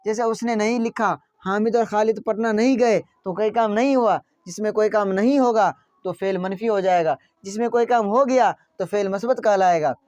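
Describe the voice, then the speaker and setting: High-voiced man teaching a grammar lesson. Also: moderate pace, few pauses, a little mellow, dry recording. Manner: repeats points and quizzes listeners with questions. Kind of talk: classroom lesson explaining grammar. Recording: dry, dull lo-fi sound.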